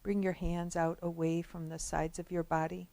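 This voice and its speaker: A meditation instructor leads a guided relaxation, speaking gently and unhurriedly with long pauses between phrases. Her voice is on the low side and level in tone, with vocal fry and no room sound.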